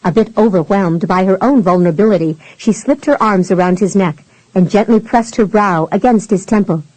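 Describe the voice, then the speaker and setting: Woman narrator for a romance audiobook: mellow, measured, close and dry. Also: medium pitch, no room sound, rough recording.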